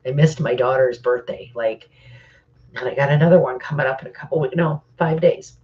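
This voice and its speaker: A woman's voice: extremely low pitch, brisk, highs cut off. A middle-aged woman hosting a casual live-stream Q&A, stuffy from crying, talking hesitantly with many fillers while reading comments. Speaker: live Q&A host.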